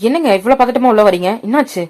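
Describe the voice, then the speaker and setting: A woman's voice: a little high, animated, fast, darkish tone, natural voice. A woman voicing an anxious, caring village mother worrying about her daughter. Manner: anxious, tender.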